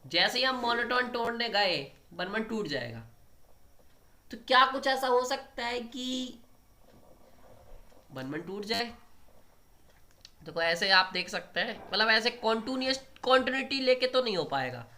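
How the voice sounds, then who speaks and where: A man's voice: very high-pitched, very animated, measured pace, pauses often, bright, forceful tone. A man teaching a maths lecture, explaining step by step and often checking in with his students. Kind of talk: online exam-prep lecture at a board.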